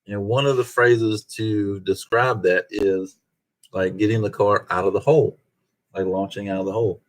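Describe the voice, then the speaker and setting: A man's voice: fairly low pitch, steady tone, moderate pace. A man hosting a casual live stream, reading viewer comments aloud and chuckling in a laid-back way. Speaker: host of a car channel live stream.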